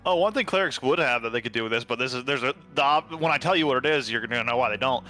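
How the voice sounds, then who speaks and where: A young man running a tabletop game with a bright, forceful voice, chatty and often laughing. Faint music plays behind him. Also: medium pitch, very fast. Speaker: game master.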